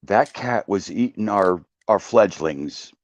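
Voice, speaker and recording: A man's voice: on the low side, lively intonation, slow, dry recording, muffled recording. A man in a casual chat, tossing in dry wisecracking asides.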